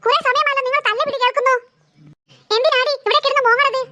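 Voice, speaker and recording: A woman's voice: very high-pitched, steady tone, fast talker, bright, forceful tone, a little hiss or hum. A woman voicing an exasperated cartoon mother who nags and scolds her two quarreling daughters. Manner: scolding, fed-up, nagging. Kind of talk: cartoon voice acting.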